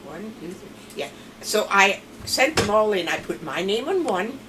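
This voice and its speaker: Speaking with a Pennsylvania Dutch accent, a woman in her seventies rambles happily through family tales while being interviewed at home as a grandmother. Her expressive mid-range voice moves at a moderate pace, recorded from a distance with audible background noise.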